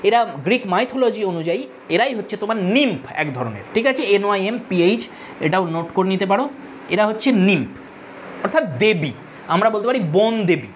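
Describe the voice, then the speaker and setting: A woman's voice: medium pitch, sing-song, fast, a little hiss or hum. A woman teacher explaining a poem line by line, addressing her students directly and repeating key terms. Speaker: English literature teacher.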